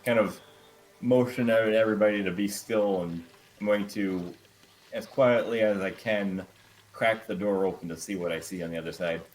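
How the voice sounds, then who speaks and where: A man with a fairly low voice playing in a tabletop game. He talks casually, asking many questions of the game master. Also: moderate pace, rough recording. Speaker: player.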